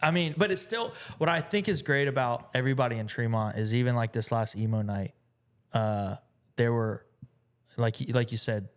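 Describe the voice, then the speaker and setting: A man's voice: medium pitch, moderate pace, clear, resonant tone. A man talking as a musician guest in a casual interview, rambling with many fillers and restarts.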